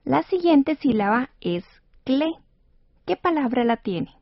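Patient woman radio teacher, slightly high voice. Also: sing-song, slow, dry recording. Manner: patient, clear, encouraging. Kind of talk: scripted educational radio lesson. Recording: dull dry studio radio recording.

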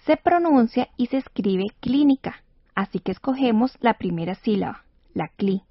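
A woman radio teacher guides a reading lesson in a patient, clear and encouraging way. Her voice sits a little high, and the recording is dry and somewhat dull, like an older studio broadcast. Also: lively intonation, normal speed, dry recording. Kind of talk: scripted educational radio lesson.

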